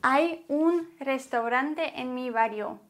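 A woman from Germany, a Spanish teacher, explaining grammar in a slow, carefully enunciated way. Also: high-pitched. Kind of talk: grammar lesson.

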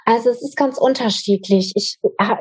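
A woman's voice: fairly high pitch, moderate pace, slightly rough. A woman guest in an interview, talking casually and thoughtfully about her work as a trainer, with frequent fillers and restarts. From Germany.

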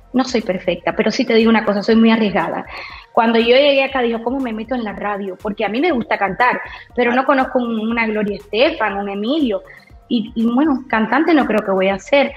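A woman with a slightly high voice tells her story as an interview guest, bold and lively, slipping into the voices of people she quotes. The recording is roomy and a little dull and lo-fi, with faint music underneath. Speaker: radio announcer, interview guest.

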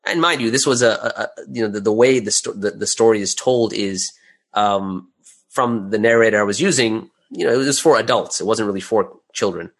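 Appearing as a guest, a middle-aged man who creates audio dramas talks in a relaxed, chatty way full of "you know" and "right?". His voice is on the low side and a bit bright.

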